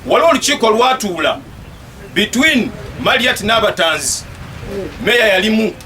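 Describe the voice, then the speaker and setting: A man's voice: high voice, big pitch swings, moderate pace, recorded from a distance. A man from Uganda, a municipal councillor, speaking insistently at a public meeting and asking pointed questions. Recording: voice from afar, noisy crowd.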